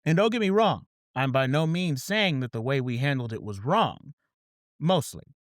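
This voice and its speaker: A man's voice: mid-range voice, animated, moderate pace, no echo, studio quality. A man hosting a podcast, reading a scripted opening and then chatting casually, often repeating "absolutely". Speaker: podcast host.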